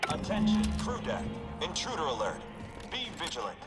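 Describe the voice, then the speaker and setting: A man's voice: a little high, wildly swooping pitch, normal speed, over loud music. A man voicing a stern male ship security announcer system that gives clipped, formal alerts. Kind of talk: game voice acting.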